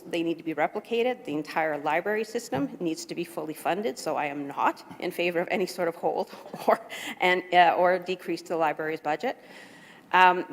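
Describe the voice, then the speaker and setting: A woman speaking as a public delegate at a budget hearing, advocating firmly and insistently. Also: on the low side. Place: large council chamber. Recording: long reverb of a council chamber.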